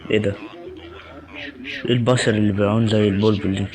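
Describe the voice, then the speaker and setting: A man's voice: on the low side, flat delivery, quick pace, darkish tone. A young man with an Egyptian Arabic accent giving horror game commentary, jumpy and talking back to the game, muttering prayers when scared. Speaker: gaming channel host.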